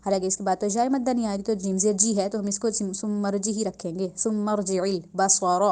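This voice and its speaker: A woman teaching Quran recitation, patiently correcting pronunciation, drawing recited words out slowly and often checking that listeners follow. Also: medium pitch, steady tone, dark tone. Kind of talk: spoken tajweed lesson.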